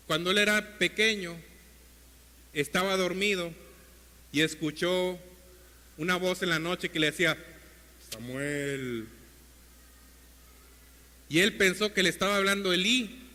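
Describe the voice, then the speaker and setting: Pastor guy preaching, high sharp voice, lots of church echo. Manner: earnest preaching, addresses the congregation as brothers; builds to a louder, higher pitch when exhorting. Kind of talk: sermon.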